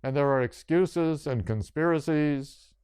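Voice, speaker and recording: Older male yoga teacher giving a spiritual talk; slow, measured phrasing in short lists, crisp voice. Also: a little high, a little mellow, no room sound, clean studio sound.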